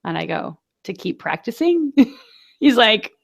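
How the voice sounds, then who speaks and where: A woman's voice: on the high side, sing-song, slow pace, vocal fry. A woman in her forties chatting casually as a podcast co-host, telling stories full of fillers and light laughter. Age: 40s. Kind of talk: casual chat.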